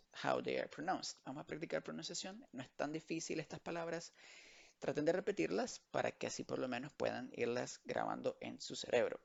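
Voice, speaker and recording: This man's voice sits a little high and sounds gravelly, with the upper frequencies cut off. Teaching children English vocabulary online, he alternates Spanish and English and patiently says every word again and again in slow drills.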